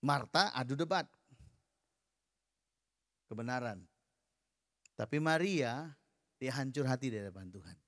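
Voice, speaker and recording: An animated preacher, speaking to his congregation in a mid-pitched voice. He shifts between lively emphasis and soft, hushed moments, addressing the listeners directly and counting them in to read together. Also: unhurried, pauses often, no echo, clean studio sound. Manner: animated, leads the congregation in reading aloud together. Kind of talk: sermon.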